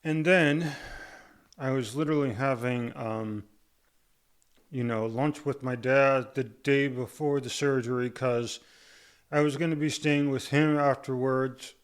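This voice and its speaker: A man's voice: mid-range voice, steady tone, a little slow, clean tone. A man giving a casual update to camera, talking with difficulty through a restricted jaw held by rubber bands after surgery, with saliva pooling in his mouth.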